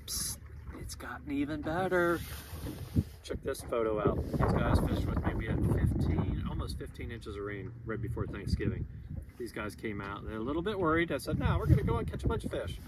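A man in his thirties with a Florida accent, a fishing guide giving a relaxed, upbeat fishing report from a small boat, with lots of "um"s. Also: medium pitch, a little fast. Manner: relaxed, chatty, upbeat, many "um"s. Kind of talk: casual monthly fishing report to camera. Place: outdoors on a small boat on a lagoon. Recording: loud wind and water noise on outdoor mic.

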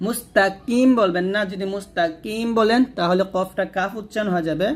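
A man teaching Quran reading, who chants verses slowly and then gives brisk spoken corrections. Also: sits high, slight background noise. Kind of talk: Quran recitation lesson.

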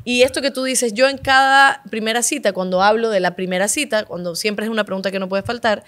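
A woman's voice: on the high side, quick pace, a bit bright. A woman, hosting a casual, heartfelt interview and repeating words for emphasis. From Ecuador. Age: 30s. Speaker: talk show host.

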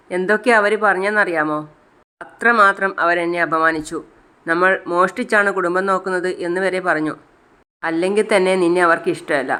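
A narrator voicing an anxious older mother, asking worried questions in a smooth voice. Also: medium pitch, pushed and bright, natural voice.

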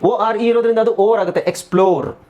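A man with a Kannada accent teaching an English class online, drilling word lists slowly, then explaining briskly. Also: high voice, expressive, a little mellow, muffled recording, a little hiss or hum.

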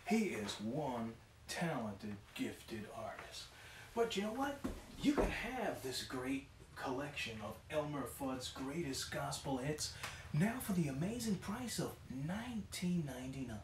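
A middle-aged man giving a hard sell ad as an infomercial pitchman, emphatic and repetitive. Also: very animated, unhurried. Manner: emphatic, repetitive salesman talk. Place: small wood-panelled office. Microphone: camera across the room. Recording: distant roomy camera sound, faint noise.

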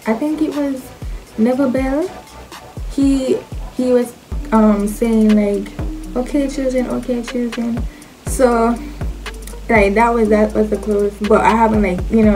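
A young woman with a Jamaican accent chats to camera in a fairly high voice, taking her time. Her manner is playful and slangy, like a casual personal vlog. Music plays behind her. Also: a little mellow, poor audio. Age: young adult. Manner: playful, slangy, self-questioning delivery. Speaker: vlogger answering questions about herself.

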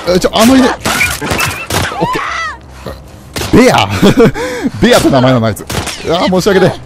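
A man commenting on a game he plays, swinging from low mutters to startled yelps. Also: wildly swooping pitch, slow pace. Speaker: game streamer. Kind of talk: excited let's-play commentary. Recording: game music loud behind voice. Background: game sounds and music.

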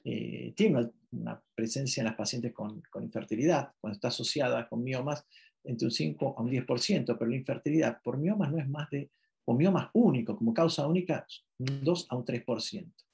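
A man's voice: mid-range voice, a little fast, gravelly, a little mellow. A man from Argentina giving a medical ultrasound lecture, explaining step by step with frequent checking questions and self-corrections.

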